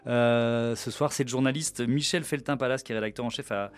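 A man's voice: mid-range voice, fairly even intonation, brisk, clear, resonant tone. A man hosting a radio talk show, chatty and anecdotal, with hesitations. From Paris. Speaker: radio host.

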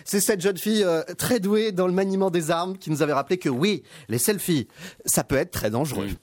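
Guy doing a snarky tv column on radio, kinda high voice, studio mic. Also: brisk, darkish tone. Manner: wry, mocking.

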